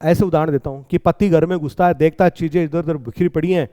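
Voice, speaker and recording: A man teaching an exam-prep lecture in Hindi, with English lines in an Indian accent. He reads the English slowly and explains quickly, often asking rhetorical questions. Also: fairly high pitch, fairly even intonation, warm tone.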